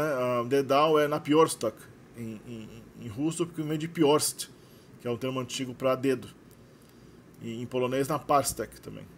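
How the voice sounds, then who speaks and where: Male teacher, slightly raised pitch, explanatory tone as he narrates his course screens. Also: a little hiss or hum. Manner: explanatory, frequent "né" tags. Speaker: language course creator. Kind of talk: screen-share lesson narration.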